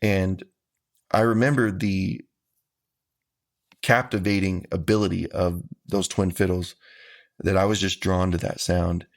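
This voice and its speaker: A man talks about his music as an interview guest. His voice sits very low with a gravelly rasp, and his phrasing is earnest and folksy. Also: fairly even intonation, measured pace, pauses often. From Texas. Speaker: country singer guest. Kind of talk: casual interview answers.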